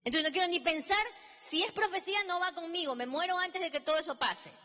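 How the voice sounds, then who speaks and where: A woman's voice: very high-pitched, a little fast, bright, forceful tone. A woman preacher giving an emphatic, dramatic sermon in a church hall, acting out biblical dialogue. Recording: long reverb in a large hall.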